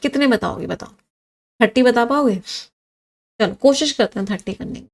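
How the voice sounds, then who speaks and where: A woman with an Indian accent and a gravelly, fairly high voice teaches English vocabulary in a live online class at a moderate pace. She's animated, listing synonyms, drilling them with students, and reading out their comments.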